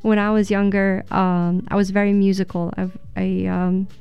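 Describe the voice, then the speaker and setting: A woman's voice: mid-range voice, flat delivery, normal speed, creaky, smooth, lo-fi sound. A woman from Egypt on a radio talk show, telling reflective stories with many fillers. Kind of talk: casual radio chat.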